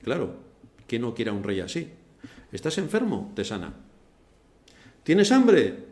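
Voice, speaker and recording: A man preaching a sermon as pastor, animated, with rhetorical questions and sudden loud outbursts. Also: medium pitch, moderate pace, roomy sound. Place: church hall.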